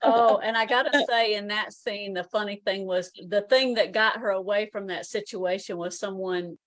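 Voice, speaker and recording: A woman's voice: medium pitch, fairly even intonation, normal speed, a bit bright, no room sound. A woman hosting a book club on a video call, laughing readily and effusive in her reactions. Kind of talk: casual chat on a video call.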